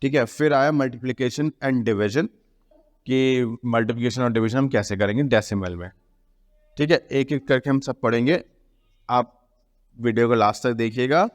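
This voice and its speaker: A man's voice: medium pitch, normal speed. A male math teacher explaining a lesson, often asking a question and then answering it himself. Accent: Indian English. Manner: repeats key terms, asks and answers own questions; mixes English terms into Hindi explanation. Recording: long reverb.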